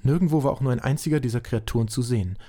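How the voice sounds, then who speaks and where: A male narrator who reads a fantasy radio play in a dry, matter-of-fact style. His voice is warm and mellow, pitched in the middle of the range. The delivery is steady and unfussy. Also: very fast. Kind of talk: scripted audio drama narration.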